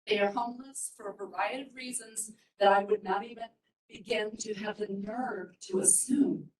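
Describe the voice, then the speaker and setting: A woman gives a heartfelt public comment at a county meeting, earnest and a little halting. Her voice carries from some distance and rings in a roomy hall. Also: mid-range voice, steady tone, darkish tone. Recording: roomy hall, far from the mic.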